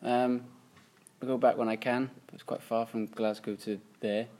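A man's voice: mid-range voice, flat delivery, a little slow, a little mellow. A man of twenty-five with a Cardiff Welsh accent, chatting casually and unscripted. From Cardiff, Wales.

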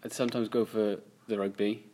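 Man, twenty-five, Cardiff Welsh accent, slightly deep voice, relaxed unscripted conversation. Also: fairly quick. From Cardiff, Wales. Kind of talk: casual unscripted chat.

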